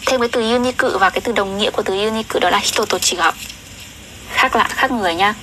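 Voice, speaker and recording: A young woman tutoring Japanese on a livestream, chatty and often asking viewers questions, reading sentences slowly. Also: medium pitch, noisy background. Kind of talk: casual livestream lesson.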